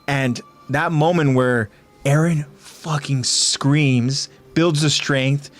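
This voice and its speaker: A man's voice: on the high side, steady tone, takes it slowly, faint music behind. A man co-hosting a podcast in casual chat, rambling and repeating words as he talks through a scene. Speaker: podcast co-host.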